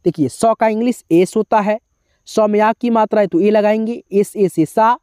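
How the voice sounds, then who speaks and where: A woman's voice: mid-range voice, normal speed, dark tone, no room sound, clean studio sound. A woman teaching a spelling lesson, reading out syllables one by one and adding short explanations. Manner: drills syllables letter by letter, adds brief explanations.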